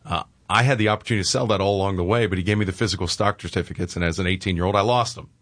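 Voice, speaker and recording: A man in his forties co-hosting a radio talk show, chatting casually and telling stories with filler pauses. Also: deep voice, fairly bright tone. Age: 40s. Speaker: radio co-host.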